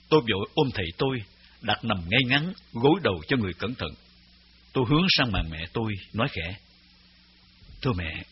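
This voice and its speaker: A man reading his memoir aloud as narrator, in a grave, measured storytelling voice. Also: mid-range voice, a little hiss or hum. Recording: slightly dull recording with faint music.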